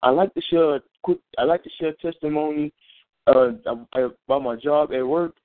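Speaking at normal speed in a fairly high voice, a preacher offers his testimony through a dry, tinny, phone-like recording with no echo. The sermon is earnest and informal, and he keeps repeating and restarting his lines.

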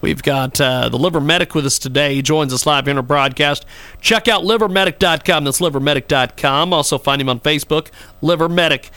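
A man hosting a live talk broadcast with a gravelly, bright voice. His sound is smooth and clear. He jokes sarcastically about technical hitches in a loose, casual way. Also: fairly high pitch, fairly quick, no room sound. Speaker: radio show host.

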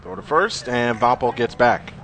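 A man's voice: mid-range voice, expressive, normal speed, gravelly, a bit bright, slight background noise. A man giving live baseball play-by-play in terse phrases, as the game announcer.

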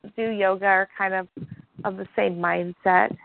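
A woman's voice: medium pitch, steady tone, normal speed, creaky, noisy background. A woman chatting casually on a group call, friendly and affirming. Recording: tinny phone-like call audio.

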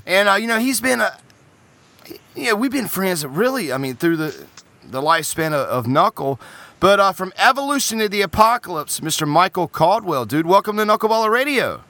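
A man hosts a casual podcast, upbeat and hesitant, leaning on fillers. His voice is high and swoops around a lot. The tone is bright and sharp. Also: big pitch swings, fairly quick, no room sound. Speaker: podcast host.

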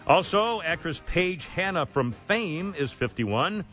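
A man's voice: fairly high pitch, expressive, slow pace, dull audio, soft background music. A man hosting a talk radio show, rambling and sarcastic, often exasperated, speaking from a studio. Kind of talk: casual talk radio banter. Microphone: studio microphone.

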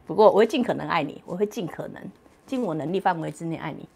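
A woman's voice: fairly low pitch, lively intonation, quick pace, gravelly, mellow, slight background noise. A woman casually answering viewer questions on a late-night livestream. She is chatty and playful, laughs often and drops English words into her talk.

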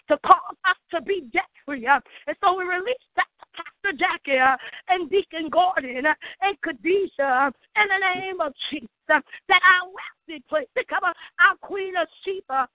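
A woman with a very high voice leads an impassioned prayer, piling up declarations between little uh fillers. The sound is thin and tinny, like a phone line, with a dry, close feel. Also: dry recording. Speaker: prayer leader. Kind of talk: fervent spoken prayer.

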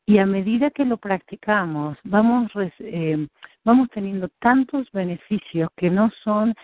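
A woman's voice: medium pitch, animated, unhurried. Woman coaching over a tinny call line. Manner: encouraging, many restarts, acts out her own thoughts. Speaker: business coach. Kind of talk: coaching conversation. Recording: tinny phone-like call audio.

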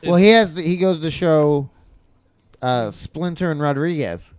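A man co-hosting a podcast, chatty and quick to jump in with details and jokes. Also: on the high side, a little mellow, no echo, studio quality. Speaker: podcast co-host. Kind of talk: casual movie recap chat.

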